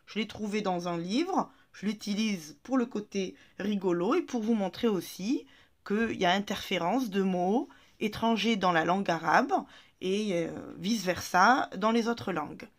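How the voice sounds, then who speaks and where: In an unhurried, mid-range voice, a woman leads French-speaking learners through an Arabic reading lesson. She stays patient and encouraging, stretching each syllable for them to echo back.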